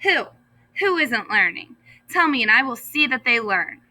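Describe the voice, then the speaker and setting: A woman's voice: fairly high pitch, very animated, moderate pace, sharp tone, full character voice. A woman voicing a proud, earnest male school principal from a storybook, speaking emphatically with relish. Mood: worried. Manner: emphatic, declamatory, repeats words with relish.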